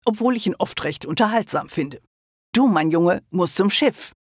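Guy doing an old smug wizard hologram, condescending, husky, higher than his usual voice. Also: animated, normal speed, no echo, studio quality, heavily acted. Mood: lecturing. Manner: condescending, lecturing. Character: ancient male wizard hologram, smug, mocking.

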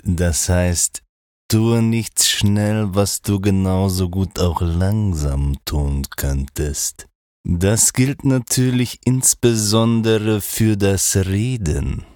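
A man putting on a polite foreigner who speaks German slowly and deliberately with a strong American accent. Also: lowish voice, a little mellow, dry recording, clean studio sound.

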